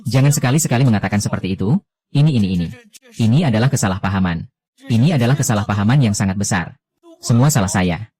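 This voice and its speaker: A man's voice: lowish voice, animated, fast talker, darkish tone, lightly acted. A man voicing a fawning, profusely apologetic middle-aged property manager in a dubbed drama. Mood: groveling.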